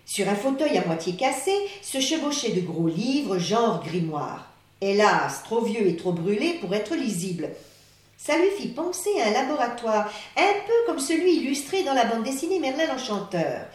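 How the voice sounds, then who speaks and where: A woman reads a story aloud in a theatrical way, swinging between hushed and excited passages. Her voice sits high and moves a lot. The reading sounds strongly echoing, with the mic at a distance. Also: normal speed. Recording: echoey room, mic far off.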